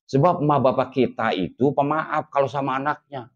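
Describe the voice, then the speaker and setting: Betawi guy preaching, folksy and lively, medium voice, dull lo-fi sound. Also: mid-range voice. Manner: folksy and lively, slowing down to stress warnings. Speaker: ustadz preaching to a congregation. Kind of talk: sermon. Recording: dull lo-fi recording.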